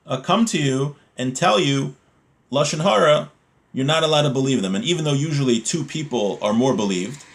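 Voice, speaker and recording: A man with a medium-pitched voice gives an informal religious lesson. He reads from a text, explains it in plain words, and often asks questions that he answers himself.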